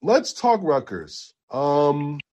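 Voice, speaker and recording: A man co-hosting a podcast, chatting casually about basketball transfers with animated jumps in excitement. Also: fairly high pitch, extremely slow. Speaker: podcast co-host. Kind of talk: casual sports chat.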